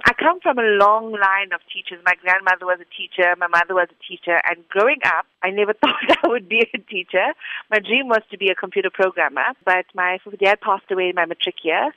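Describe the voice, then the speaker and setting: Appearing as an interview guest, this school academic director from South Africa, a woman in her forties, gives earnest and articulate replies. Her voice is mid-range, captured on a dull, dry lo-fi recording.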